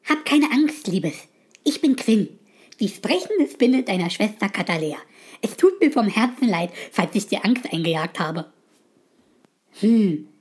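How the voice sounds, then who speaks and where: A woman as a gentle, forgetful talking spider. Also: a little high, big pitch swings, normal speed, breathy edge, heavily acted. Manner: soft, warm-hearted, chatty. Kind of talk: audio story acting.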